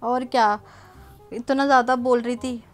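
A woman's voice: a little high, steady tone, unhurried, faint music behind. A woman gaming with the streamer, backing him up and chiming in over voice chat. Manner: siding and chiming in. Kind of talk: live game voice chat.

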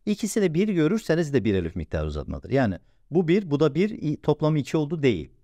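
Man, patient teacher, repeats sounds slowly, lively up-and-down pitch, dry close sound. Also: dry recording. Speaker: religious reading teacher. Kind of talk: step-by-step recorded lesson.

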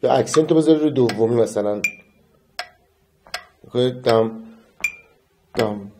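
Mellow-voiced man teaching metronome practice. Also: mid-range voice, slight background noise. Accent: Persian. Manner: counts beats aloud, hums melody slowly. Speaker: music teacher. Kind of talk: casual instrument lesson.

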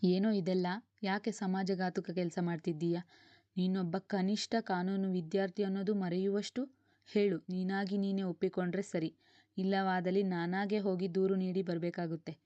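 Stern scolding mother, read by a woman, flat low delivery, dull audio. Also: moderate pace, no echo, natural voice. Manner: scolding, commanding. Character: stern angry mother, middle-aged.

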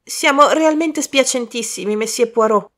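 An eager young prankster, as a woman narrator plays him, raised well above her own pitch. He talks loudly and excitably. His lines come across flustered and apologetic. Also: moderate pace. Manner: high, loud and excitable.

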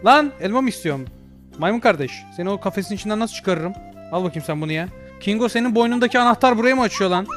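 Fast, high-voiced excitable young man gamer. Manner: loud, swearing, shouting at game characters. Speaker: gaming YouTuber. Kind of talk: excited let's-play commentary.

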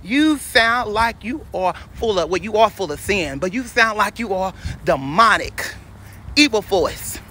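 Brief: very high-pitched man, loud preachy warnings, phone-recorded outdoors with traffic noise. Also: animated, measured pace. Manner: emphatic, repetitive warnings, loud. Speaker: self-styled preacher going live. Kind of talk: preachy live-stream monologue. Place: outdoors on a neighborhood street. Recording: street noise with passing traffic.

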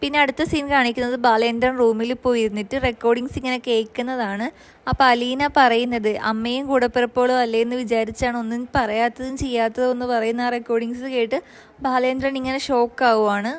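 Female storyteller, casual recap narration, conversational and chatty, voice sits a bit high. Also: steady tone, fairly quick. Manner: chatty, conversational, keeps adding friendly tag words.

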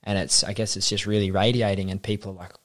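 Young Australian guy, lowish voice, chatty guest, animated storyteller. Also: fast talker. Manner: animated storyteller acting out quotes. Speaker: podcast guest, identity coach. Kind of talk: casual interview chat.

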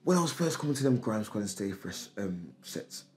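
A man's voice: fairly low pitch, big pitch swings, brisk, darkish tone. A man telling stories in a casual, slangy way as a podcast guest, often repeating himself. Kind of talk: casual storytelling chat. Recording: roomy echo.

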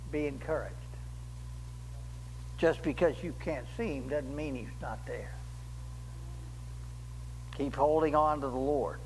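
An older man preaching a sermon as pastor in a church, slow and deliberate, rising emphatically on key words, recorded at a pulpit microphone. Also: fairly high pitch, big-room sound, a little hiss or hum, poor audio. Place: church sanctuary.

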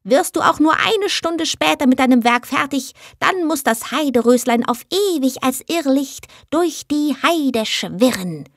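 A tiny wrinkled heath spirit, as a woman reader puts him on, speaking in a high, squeaking voice well above her own. He is proud and spiteful, handing down grim, commanding pronouncements in a storybook tale. The recording is close and dry. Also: lively intonation, unhurried, hardly any pauses, dry recording. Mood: solemn. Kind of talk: storybook reading.

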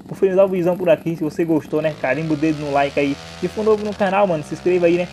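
A man's voice: on the high side, very fast, noisy background. A young man with a Brazilian accent hosting a motorcycle vlog, talking in a hyped, slangy way and tagging his sentences with little filler words. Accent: Brazilian Portuguese. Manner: hyped, slangy, repeats tag words like "né" and "hein". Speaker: motovlog host. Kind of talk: excited vlog commentary.

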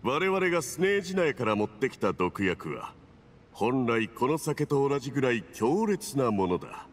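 Smug villain diplomat, anime game, middle pitch, very animated intonation, insinuating, condescending, faint background ambience. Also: male voice, normal speed. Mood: condescending praise. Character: smug, domineering adult male foreign envoy villain.

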